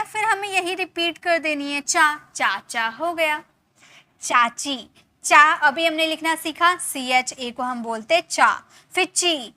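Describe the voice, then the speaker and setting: Lady teacher, high voice, spells stuff out slowly letter by letter. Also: sharp tone. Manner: slow, spells words letter by letter. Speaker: English teacher. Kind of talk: step-by-step spelling lesson.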